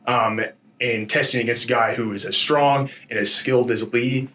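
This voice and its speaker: Man, medium pitch, fighter, post-fight interview, informal, slangy, animated rambling storytelling. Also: normal speed, a little hiss or hum. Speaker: MMA fighter being interviewed after a bout.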